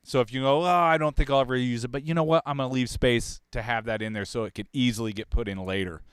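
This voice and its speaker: A Kansas man hosts a podcast, chatting casually about wiring a recording studio, rambling and restarting his questions with chuckles. His mid-range voice is smooth and steady, and he talks fast. The recording is dry, the kind of talk being relaxed studio shop talk.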